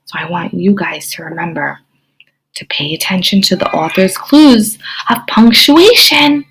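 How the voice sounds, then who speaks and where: A woman teacher giving an expressive online reading lesson to young children, often asking them questions. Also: medium pitch, measured pace, breathy edge, poor audio. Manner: expressive, explains with gasps and questions to kids.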